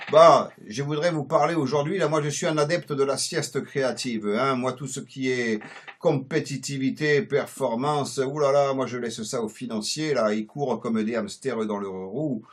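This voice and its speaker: A man's voice: mid-range voice, lightly acted. A man playing a laid-back, nap-loving self-styled Mexican in a satirical comic monologue, rambling and folksy, with a put-on Marseille accent. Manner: rambling, folksy, full of interjections.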